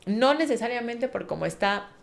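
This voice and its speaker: A woman's voice: on the high side, expressive, normal speed, creaky, a little hiss or hum. A woman, a podcast guest, earnestly recounting a personal story and vividly acting out what people said.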